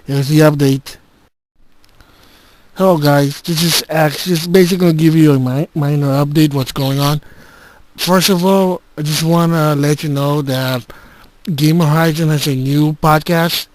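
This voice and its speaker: Man on a handheld dictaphone-style recording. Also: on the high side. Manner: halting, with frequent restarts and filler words. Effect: recorded on a handheld game console's voice recorder, dictaphone-like. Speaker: gaming channel host. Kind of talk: casual spoken update. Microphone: handheld game console's built-in recorder.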